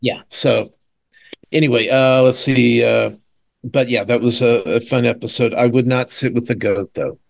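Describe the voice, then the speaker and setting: Male co-host, mid-pitch, chatty and rambling, casual TV recap talk. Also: moderate pace, gravelly. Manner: rambling, lots of fillers, animated retelling. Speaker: podcast co-host. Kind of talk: casual chat about TV shows.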